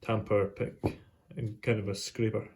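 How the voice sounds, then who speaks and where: A man talking casually to viewers as a vlog host, in a halting, unscripted way with trailing phrases. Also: fairly low pitch, level tone, darkish tone, slight background noise. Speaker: host of a pipe smoking vlog.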